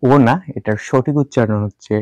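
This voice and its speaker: A man teaching English pronunciation in Bengali, repeating each sound slowly and mixing in English words. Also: fairly low pitch, steady tone, a little mellow, dry recording. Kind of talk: spoken language lesson.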